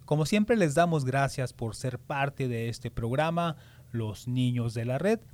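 A man's voice: medium pitch, unhurried, a little mellow. A man hosting a children's radio program, explaining things simply to young listeners.

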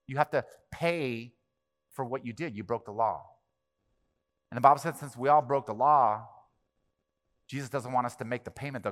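A pastor with a medium-pitched, fairly bright voice delivers a sermon in a conversational style, regularly checking in with the congregation. The church sanctuary setting gives the recording the long reverb of a big hall.

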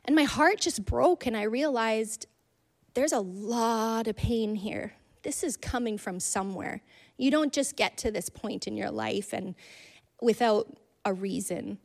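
A woman's voice: on the high side, unhurried, gravelly. Earnest woman sharing a church testimony. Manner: earnest storytelling with frequent fillers and soft laughs. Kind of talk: personal testimony in a church talk.

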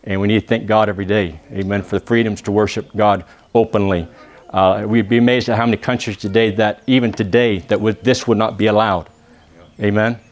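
With a Texan accent and a lowish, fairly even voice, this visiting preacher from Texas preaches and prays before a congregation. He stops and restarts often with "uh," and keeps tossing out "amen?" for the people to respond.

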